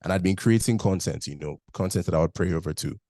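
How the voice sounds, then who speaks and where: A young Nigerian man, a guest in a casual interview, tells his story candidly with a mixed Nigerian, British and Canadian accent, leaning heavily on "like". His voice is deep and mellow and he talks fast, in clean studio sound with no echo.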